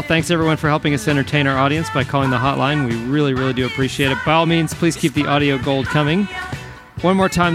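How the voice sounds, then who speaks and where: A man co-hosting a podcast in casual chat, chatty and self-deprecating. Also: a little high. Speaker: podcast co-host.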